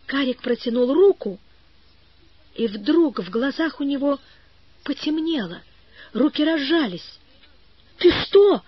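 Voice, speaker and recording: Woman narrator, audiobook, very slow, measured, dull dry recording. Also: high-pitched, expressive, dry recording. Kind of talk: audiobook reading.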